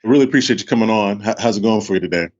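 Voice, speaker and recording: A podcast host with a lowish, slightly mellow voice talks fast in a loose, informal interview chat, often circling back to repeat himself. The lo-fi mic makes him sound a bit dull.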